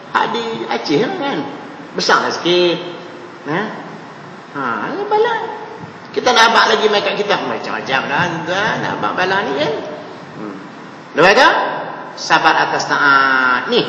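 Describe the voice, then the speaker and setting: A man's voice: sits high, normal speed, long pauses, highs cut off, a little hiss or hum. A man with a Northern Malaysian Malay accent, giving a mosque lecture and often asking "ha, kan?" to his listeners. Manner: animated, rhetorical questions with frequent "ha, kan?". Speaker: religious teacher. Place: mosque hall. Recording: echoey hall with faint ambience.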